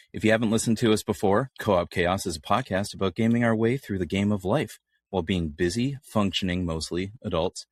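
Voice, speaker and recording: A man's voice: lowish voice, normal speed, slight background noise. A man co-hosting a casual gaming podcast, chatty and jokey, rambling playfully. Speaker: podcast co-host.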